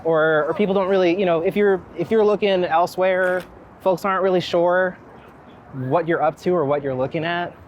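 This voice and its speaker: Walking the city streets, an American photographer from Philadelphia speaks at normal speed in a mid-range voice, casual, wry, and thoughtful as he rambles. The sound is lo-fi, with street noise and traffic rolling past.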